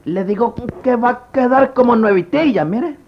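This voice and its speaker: Man as a high, creaky, cocky bungling barber. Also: animated, normal speed, dull audio. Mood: cocky, busy. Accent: Central American. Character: cocky, bungling rustic barber sidekick, quick to bluster. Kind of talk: slapstick comedy sketch acting.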